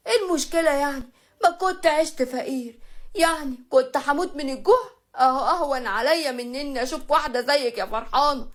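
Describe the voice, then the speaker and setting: Woman doing a fed-up egyptian young husband, quick, grumbling. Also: on the high side, natural voice. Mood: exasperated. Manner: fed-up, complaining. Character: exasperated young rich husband.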